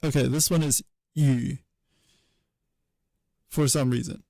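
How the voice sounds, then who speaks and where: A man streaming as he works through a linguistics problem, thinking aloud in a hesitant, wry way with many pauses. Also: medium pitch, steady tone, vocal fry, dark tone, no echo. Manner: hesitant self-talk with many pauses and fillers.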